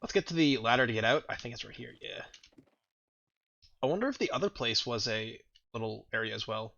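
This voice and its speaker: A man's voice: medium pitch, expressive, fairly quick, creaky, bright, forceful tone, lo-fi sound. A man casually commenting on his own gameplay, thinking aloud and rambling, with a groggy morning voice. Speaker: gaming video host. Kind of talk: casual let's-play commentary.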